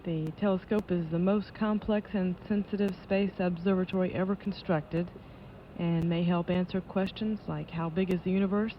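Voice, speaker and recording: A woman giving live launch control commentary as an official announcer, in a measured, matter-of-fact way. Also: fairly low pitch. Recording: dull lo-fi broadcast audio with noise.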